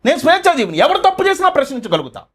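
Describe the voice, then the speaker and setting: A man's voice: very high voice, wildly swooping pitch, racing. A man, running his own channel and delivering a fiery, accusatory political commentary full of rhetorical questions.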